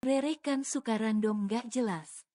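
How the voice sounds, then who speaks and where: A woman narrates a romance audio novel in an even, steady telling. Her tone is mellow and warm, sitting somewhat high. She slips in casual colloquial asides. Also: unhurried.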